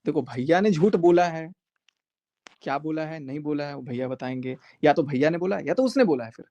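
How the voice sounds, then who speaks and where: A man's voice: a little high, expressive, fairly quick, warm tone, lo-fi sound. Emphatic man ranting on a live stream. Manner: emphatic and repetitive, confrontational. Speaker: social media creator. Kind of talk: live stream address to viewers.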